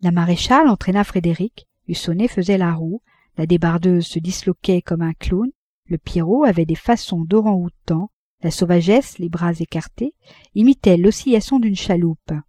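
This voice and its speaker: A woman reading a classic novel aloud as an audiobook narrator, measured and even. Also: on the low side, no room sound, studio quality. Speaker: audiobook reader.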